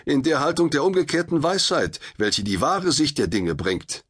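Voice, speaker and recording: A man voicing a stubborn, teasing woman trapeze artist who is centuries old, calling down with raised pitch in an audiobook reading. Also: big pitch swings, moderate pace, a bit bright, breathy edge, full character voice. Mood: lecturing.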